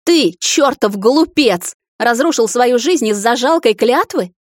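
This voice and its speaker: A woman's voice: a little high, lively intonation, unhurried, dry recording, studio quality, voice pushed up. A woman reading the part of a defiant young witch who hisses and snaps at her husband in anger. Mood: furious. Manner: hissing, furious outbursts. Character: fiery young witch heroine, defiant wife.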